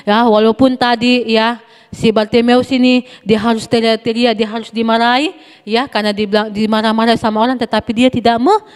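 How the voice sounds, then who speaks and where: A woman's voice: fairly high pitch, level tone, a little fast, smooth. A woman teaching a Sunday school class, telling a Bible story animatedly and quizzing the children with questions. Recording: echoey room with long reverb.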